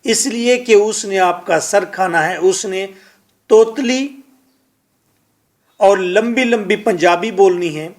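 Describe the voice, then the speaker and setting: A man with a noticeably high voice gives a spoken English lesson. He drills single words slowly and repeats them for his students. He shifts back and forth between his own language and English phrases. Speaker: English lecturer.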